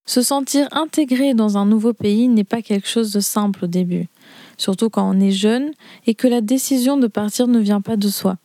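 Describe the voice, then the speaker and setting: Narratrice de documentaire à la voix chaude. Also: female voice, medium pitch, no echo. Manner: even, measured delivery.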